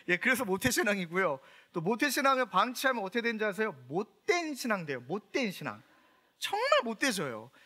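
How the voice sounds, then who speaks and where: Bright, high-voiced lively man preaching. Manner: humorous storytelling, asks the congregation questions. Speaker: pastor. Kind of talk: sermon.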